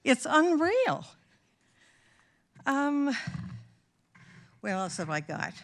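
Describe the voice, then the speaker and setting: A woman's voice: sits high, big pitch swings, extremely slow. A woman resident giving an emphatic, indignant public speech at a council meeting into a podium microphone.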